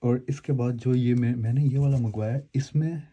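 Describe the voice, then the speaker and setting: This man's husky, dark-toned voice sits at medium pitch, with fairly even intonation and a moderate pace. Hosting a laid-back unboxing and review, he talks viewers through the product demo in a rambling way, frequently repeating himself and correcting what he says.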